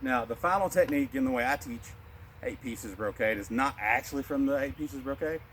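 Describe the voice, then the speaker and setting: A man teaching a martial arts qigong lesson, calmly cueing each breath and movement. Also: mid-range voice, brisk, slight background noise. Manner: calm, instructive, cueing breaths. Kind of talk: guided qigong class.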